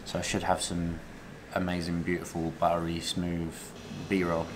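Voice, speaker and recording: A man's voice: low voice, monotone, normal speed, background noise. Chatty young guy vlogging. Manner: chatty, jokey, laughs often. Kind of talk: casual travel vlog chat. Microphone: handheld camera close to face.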